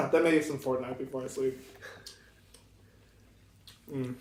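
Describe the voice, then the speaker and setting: A man's voice: mid-range voice, fairly even intonation, slow pace. A young man hosting a vlog, answering questions casually while eating, humming "mm" between thoughts. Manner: eats while talking, hums "mm" between thoughts. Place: indoors at a meal. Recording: echoey room, mic at a distance, faint noise.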